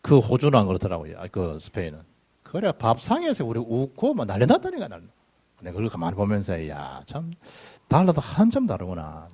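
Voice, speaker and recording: A middle-aged pastor preaches in a church, sliding between loud bursts and low asides as his pitch rises and falls. His voice has a husky edge, and his storytelling is lively and full of dialect. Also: brisk. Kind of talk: sermon with personal anecdotes. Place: church sanctuary.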